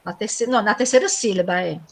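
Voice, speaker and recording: A woman's voice: medium pitch, fast, slight background noise. A middle-aged woman teaching a cordel poetry workshop, reciting verses in a lilting way and explaining meter with frequent "né?" asides.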